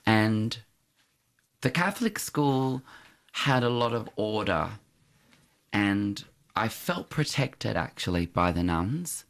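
A middle-aged man being interviewed looks back on his school days, telling stories reflectively with frequent restarts and soft laughs. He speaks slowly in a fairly low, sing-song voice, leaving long pauses.

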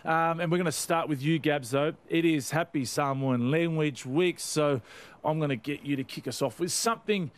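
A man's voice: fairly high pitch, moderate pace. A man hosting a sports show in an upbeat, casual radio chat style.

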